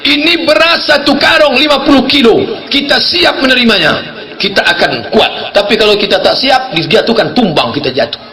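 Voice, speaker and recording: A man with an Indonesian accent preaching a lively sermon, telling stories and acting out the people in them. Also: normal speed, low-quality recording. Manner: animated storytelling, acting out characters with sudden high-pitched cries. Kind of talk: lively sermon with acted dialogue.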